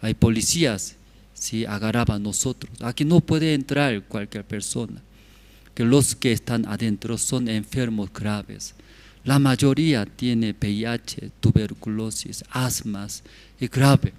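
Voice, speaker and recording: A male pastor preaching at a mid pitch, delivering his sermon in short, halting phrases. He keeps stopping to check with the congregation through quick tag questions as he tells a story. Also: a little mellow. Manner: storytelling of a hospital visit.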